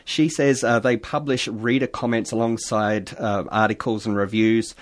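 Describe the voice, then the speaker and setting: A man's voice: fairly low pitch, moderate pace. A man, an online community moderator, chatting animatedly on a radio panel and telling stories from his work. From Australia. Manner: chatty, animated storyteller who reads posts aloud.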